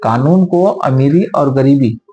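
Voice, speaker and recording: A man who is a senior advocate, explaining law at length in an interview in a measured, lecturing way with homely examples. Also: mid-range voice, animated, mellow, breathy edge, muffled recording.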